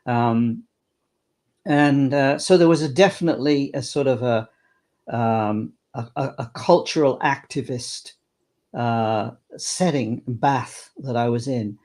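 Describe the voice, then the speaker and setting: An older man speaks as an interview guest, recalling his past in a loose, rambling flow. He often stops mid-thought and restarts his sentences. His voice sits at an ordinary pitch. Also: darkish tone. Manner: rambling, halting, many restarts. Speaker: interview guest, clown performer. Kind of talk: reminiscing interview talk.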